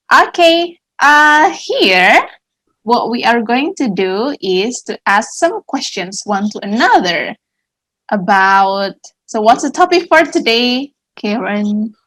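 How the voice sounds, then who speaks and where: The audio is poor, but this woman from Indonesia comes through at medium pitch with a fairly bright tone. An English and Indonesian teacher and co-host, she asks friendly, curious questions in casual Q&A, sprinkling in many small acknowledgements.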